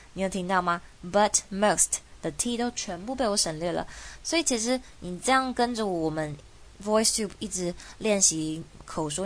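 A young woman teaches English pronunciation as the host of a lesson. Her voice sits a little low for a woman. She talks patiently, slowing down to demonstrate each word and repeating it. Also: fairly bright tone. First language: Mandarin. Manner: patient, demonstrates words slowly and repeats them.

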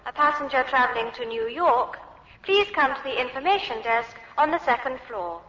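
Formal adult airport announcer, measured delivery, long echo, muffled course recording. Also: female voice, high-pitched, animated, bright, forceful tone. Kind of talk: scripted public address announcements. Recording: muffled echoey hall.

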